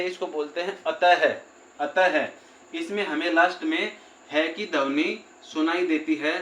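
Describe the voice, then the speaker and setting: A man teaching a grammar lesson who repeats each point and slows down to spell out word parts. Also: fairly high pitch, a bit bright. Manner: repeats points, often says "theek hai" and "doston". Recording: echoey room with faint background noise.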